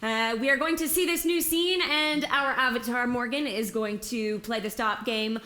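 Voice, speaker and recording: A woman's voice: fairly high pitch, moderate pace, pushed and bright. A woman facilitating an interactive theatre show, introducing scenes and explaining the rules in an upbeat, instructive way. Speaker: workshop facilitator.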